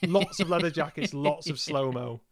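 Man, podcast co-host, gravelly voice, dry sardonic chat. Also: a little high, moderate pace. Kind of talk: casual chat.

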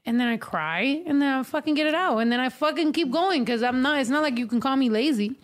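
A woman's voice: high-pitched, expressive, normal speed. A young woman hosting a podcast, chatting casually and swearing freely while switching between Spanish and English. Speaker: podcast host. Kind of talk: casual bilingual podcast chat.

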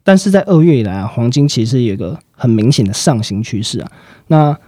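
A man lays out market analysis at a brisk clip, his voice dark and a little husky. He explains step by step, with frequent fillers and trailing particles. The sound is dry and close to the mic. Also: medium pitch, sing-song, no echo. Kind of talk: financial commentary chat.

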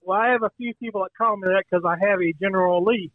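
Man, phone speaker, tinny narrow line, high voice, short easygoing replies. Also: steady tone, quick pace, a crowd in the background. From Georgia, USA. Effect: heard over a phone speaker. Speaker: listener caller. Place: at home in bed.

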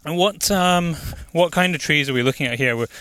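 A man's voice: a little high, brisk, fairly bright tone, no room sound. A man interviewing a farmer, asking curious, conversational questions while walking outdoors and slightly out of breath. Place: outdoors on a plantation.

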